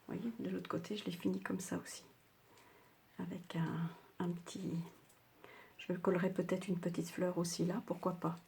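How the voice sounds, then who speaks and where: An older woman walks viewers through a craft project in a low, soft voice, a little worn by a sore throat. She chats along casually, full of little fillers and restarts. A faint hiss sits behind her. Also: level tone, brisk, vocal fry, hardly any pauses. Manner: chatty, hesitant, many fillers. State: slightly sore throat, speaking softly. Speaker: craft tutorial host.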